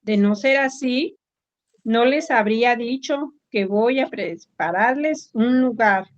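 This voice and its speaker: A woman with a Mexican accent reads Bible passages aloud to a study group, slow and measured. Her voice is fairly high, and the recording sounds muffled and lo-fi. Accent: Mexican Spanish. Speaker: student in a Bible class. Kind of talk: reading scripture aloud. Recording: dull lo-fi sound.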